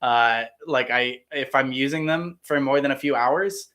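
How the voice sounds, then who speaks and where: On his live Q&A stream, the actor from Ohio in the United States chats casually and with enthusiasm, using a standard American accent. His voice is mid-range with a sharp tone and measured pace, and he frequently uses fillers and restarts.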